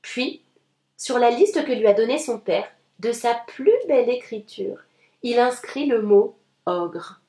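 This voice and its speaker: A woman reading children's stories aloud in a gentle, expressive way. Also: a little high, slow pace. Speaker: storyteller. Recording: roomy echo.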